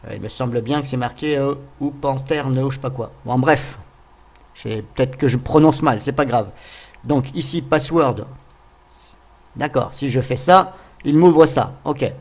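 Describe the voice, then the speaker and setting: A man narrating a casual software tutorial, thinking aloud as he goes and talking to viewers with frequent hesitant fillers. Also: mid-range voice, a little slow. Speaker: tutorial host.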